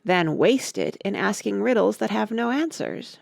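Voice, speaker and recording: A woman's voice: medium pitch, lively intonation, normal speed, creaky, no echo, clean studio sound, pitched above the performer's own voice. A woman voicing a polite, curious and earnest young girl in a storybook, with a questioning manner. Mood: weary.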